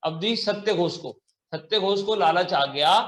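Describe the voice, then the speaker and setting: A man's voice: high-pitched, measured pace, fairly bright tone, echoey room. A man teaching a children's class, telling a story and acting out the characters' lines, often asking the children questions.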